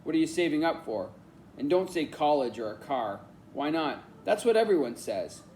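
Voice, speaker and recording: Brief: lively chatty boy of twelve, teasing, quick to talk; a man voices him in an audiobook. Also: a little high, slight background noise.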